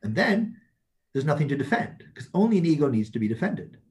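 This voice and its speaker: A man's voice: on the high side, big pitch swings, a little fast, a little mellow. A man talking bluntly and emphatically as an interview guest, laughing often as he makes his points. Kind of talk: casual chat.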